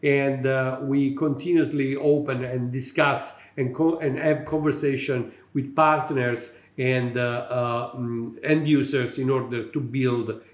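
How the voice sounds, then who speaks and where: With a medium pitch and steady tone, a middle-aged Italian executive presents a prepared conference talk in an Italian accent, pausing haltingly amid many fillers. The audio is reverberant.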